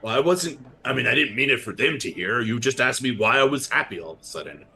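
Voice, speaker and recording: A man's voice: mid-range voice, lively intonation, fast talker, bright, forceful tone. A man improvising in-character banter as a player in a tabletop role-playing game.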